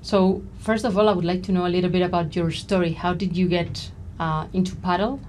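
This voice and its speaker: Low-voiced woman hosting a chatty interview. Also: fairly even intonation, brisk, darkish tone, slight background noise. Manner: friendly, laughs easily, asks long questions. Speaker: podcast host. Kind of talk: casual interview conversation.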